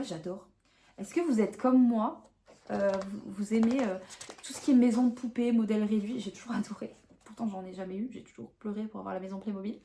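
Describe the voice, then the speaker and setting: A young adult woman chats casually to her viewers about her coloring pages. Her talk is hesitant and full of fillers and restarts, in an even, middle-pitched voice. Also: slight background noise. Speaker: vlogger showing her coloring books. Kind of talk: casual chat to camera.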